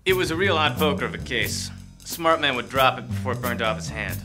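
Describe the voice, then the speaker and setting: A man's voice: mid-range voice, animated, fairly quick, close to an everyday voice. Man playing a melodramatic hard-boiled noir detective. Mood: world-weary. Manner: overwrought slangy tough-guy patter. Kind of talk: noir parody audio drama. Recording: loud music behind the voice.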